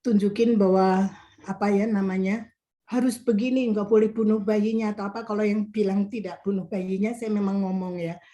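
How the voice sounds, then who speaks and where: A woman's voice: mid-range voice, little pitch movement, normal speed, warm tone. A woman counselor tells a testimony in an online meeting over a video call and acts out her own stern words to the person she helped. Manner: re-enacts her own stern words, ends phrases with a filler tag.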